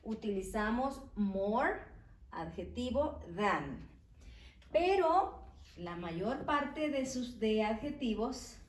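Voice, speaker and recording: A woman with a fairly high voice teaches grammar at a very slow, careful pace. She spells words out letter by letter. The sound is roomy and echoey, picked up from some distance away. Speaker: English teacher. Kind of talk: slow explanatory lesson. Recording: echoey room, voice from off-mic.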